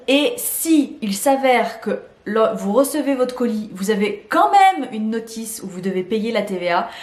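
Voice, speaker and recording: A woman's voice: a little high, darkish tone, roomy sound. A woman vlogging about beauty shopping in a chatty way, laughing often and repeating words as she explains. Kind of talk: casual explainer vlog.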